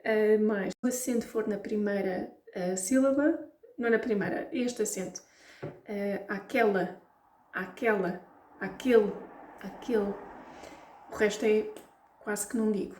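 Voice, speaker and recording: A woman's voice: mid-range voice, normal speed, mellow, reverberant, far from the mic. A woman with a European Portuguese accent teaching pronunciation in a chatty way, repeating words to show how they sound. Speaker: language teacher. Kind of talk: casual language lesson to camera.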